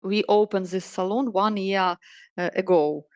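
Earnest Ukrainian woman, halting English. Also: mid-range voice, steady tone, darkish tone, no echo. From Ukraine, Donetsk region. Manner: earnest, halting non-native phrasing with many pauses. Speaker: guest, salon owner and project manager. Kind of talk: interview answers in English.

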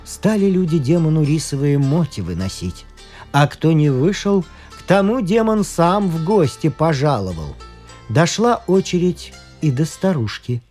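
A man narrating a folk tale in a slow, expressive telling. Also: fairly high pitch. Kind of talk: storybook narration. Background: faint music.

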